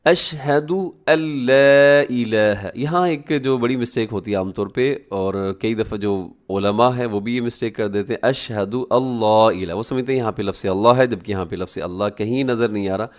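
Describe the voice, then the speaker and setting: A man teaching how to recite prayers, explaining fast and then chanting the words slowly and drawn out. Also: fairly low pitch. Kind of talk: religious lesson on prayer recitation.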